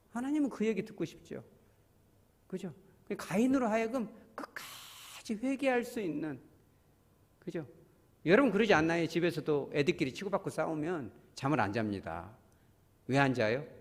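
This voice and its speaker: A man's voice: a little high, a little mellow, in a large hall. A man preaching a sermon as pastor, talking with the congregation in a conversational way, asking them questions and acting out voices. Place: church.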